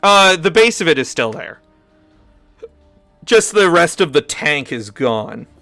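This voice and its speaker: Male game master, fairly high voice, unhurried pace, dry close sound, tabletop fantasy narration over faint music. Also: sing-song, vocal fry, sharp tone, no echo.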